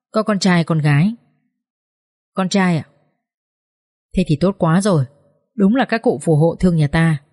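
A woman voicing a sharp-tongued older village mother-in-law in a storybook reading, scolding and shrill. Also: lightly acted.

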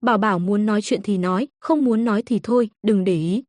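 A woman's voice: medium pitch, a little fast, darkish tone, no echo, clean studio sound, lightly acted. A woman voicing a stern, protective rich father in an audio story, curt and cold.

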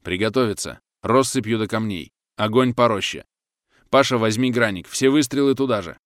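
A man's voice: fairly low pitch, moderate pace, no echo, clean studio sound, lightly acted. A man doing a curt military commander. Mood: commanding. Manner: barking curt orders. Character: tough male military commander, terse.

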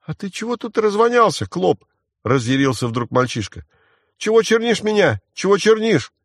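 A man's voice: medium pitch, very animated, no echo, clean studio sound, voice pushed up. A man reading an audiobook voices a frightened, defiant boy thief who whines and snaps back. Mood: indignant. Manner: squabbling, whining, quick to snap back. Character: scrappy scared boy thief, defiant and whiny.

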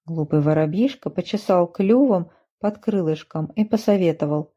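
Woman, storyteller, children's story reading, mellow dark tone, dull recording. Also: fairly low pitch, moderate pace, husky. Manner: gentle, expressive storybook reading.

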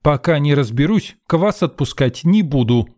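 A man's voice: on the high side, expressive, moderate pace, a little mellow, voice pushed up, close to an everyday voice. A man voicing a brusque middle-aged woman street vendor in an audiobook, curt and grumbling. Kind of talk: audiobook character voice.

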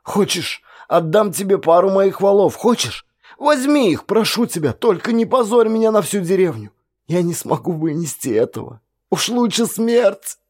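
A man's voice: sits high, very animated, normal speed, darkish tone, pitched above the performer's own voice. A man voicing a cowardly male village thief who begs and whines tearfully in a storybook reading. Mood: frantic begging. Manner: whining, begging and tearful.

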